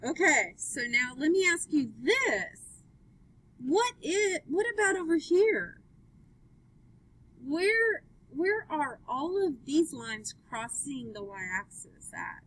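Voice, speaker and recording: A woman's voice: high-pitched, big pitch swings, slow pace, fairly bright tone, poor audio. A woman teaching a math class, upbeat, asking students question after question as she works through graphs. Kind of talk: live classroom lesson.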